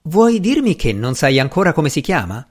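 Man voicing a proud young magician, dry, sardonic, animated voice, audiobook. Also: a little high, moderate pace. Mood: bemused. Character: proud young male magician, scornful and sharp.

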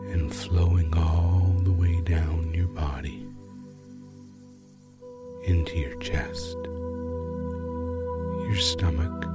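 A man narrating a guided sleep story in a soothing, hypnotic manner, with long pauses between short phrases. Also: low voice. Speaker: sleep podcast host and narrator. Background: new-age music.

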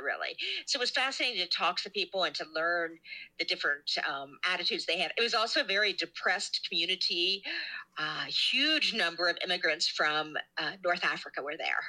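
A woman's voice: on the low side, pushed and bright, poor audio. A middle-aged woman, a guest scholar in an interview, telling stories in a chatty, self-deprecating way. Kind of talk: casual interview chat.

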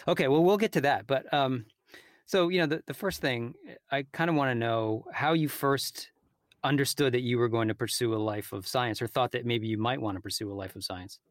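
A man's voice: mid-range voice, fairly quick, no room sound, clean studio sound. A man hosting an interview, asking curious questions in a chatty, loose way. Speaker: podcast host.

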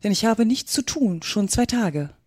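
A woman's voice: medium pitch, animated, measured pace, a little mellow, husky, no echo. A scheming male cur, as a woman reader puts him on, sly and domineering. He lays down the law with smug menace. Dry, close recording. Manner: sly and bullying. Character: cunning male cur acting as judge.

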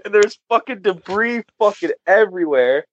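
A man's voice: high voice, moderate pace, highs cut off, slight background noise. A man casually telling a wild story on a podcast, swearing constantly and laughing often. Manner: profane, laughing, animated storyteller.

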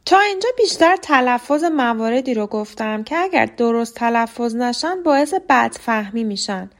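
A woman hosting a podcast lesson, explaining English pronunciation in a clear, scripted way and slowing down to model example words. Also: fairly high pitch, expressive. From Iran.

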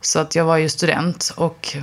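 A woman actress speaking candidly as an interview guest, in a relaxed way with many fillers. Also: deep voice. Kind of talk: casual storytelling conversation.

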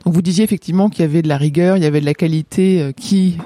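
A man hosts an interview and keeps his questions brief, nudging the guest along with a few fillers. His voice sits high, with a dark, mellow tone. The sound is dry and close. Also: fairly even intonation, racing, no echo. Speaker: podcast host, interviewer.

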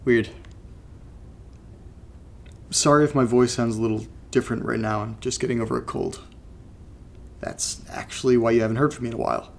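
In a horror drama, an actor voices a troubled young man making a faltering, confessional audio diary entry. The voice is natural and medium-pitched with slight congestion, carrying an uneasy, wry mood.

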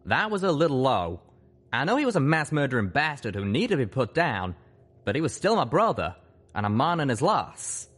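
Brief: wry, folksy young pegasus stallion, voiced by a man, drawled slang, lively delivery. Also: medium pitch, normal speed, slightly rough, pitched above the performer's own voice. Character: young male pegasus pony, folksy wisecracking friend.

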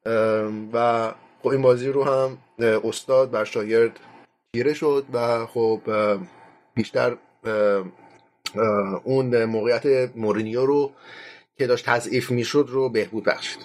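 A man's voice: medium pitch, steady tone, a little mellow. Hesitant male football pundit. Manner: hesitant, many filler sounds, restarts. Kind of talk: casual podcast analysis.

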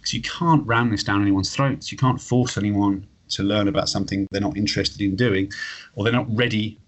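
A man in his late thirties with a low, rough-edged husky voice. He talks casually and at length in a matey, laid-back way, often acting out little quotes as he explains himself. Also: fairly even intonation, fairly quick. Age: late 30s. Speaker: interview guest, flat earth believer.

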